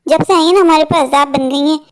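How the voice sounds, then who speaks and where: A woman's voice: sits high, steady tone, fast, lightly acted. A woman voicing a harsh young daughter-in-law in a cartoon, who snaps contemptuously at her elderly mother-in-law. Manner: snapping, contemptuous. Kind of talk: animated cartoon voice acting.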